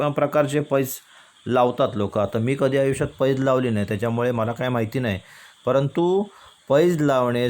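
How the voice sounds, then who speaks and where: A male teacher from India explaining a poem to students, asking and answering his own questions. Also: mid-range voice. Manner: recites verses in a slow chant. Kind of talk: Marathi poetry lesson.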